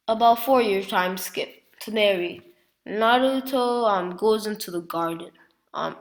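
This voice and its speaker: A woman's voice: medium pitch, fairly bright tone. A woman casually retelling a fan-made story, rambling with lots of fillers and self-corrections. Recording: roomy echo.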